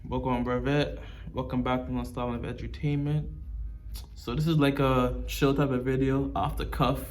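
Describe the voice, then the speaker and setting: A man hosts a casual, unscripted video chat. His voice sits at an average pitch and his wording is loose street slang, often doubling up words for emphasis. Music plays faintly behind him. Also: flat delivery, normal speed, darkish tone. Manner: slangy street talk, informal. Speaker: video channel host. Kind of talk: casual off-the-cuff talk to camera.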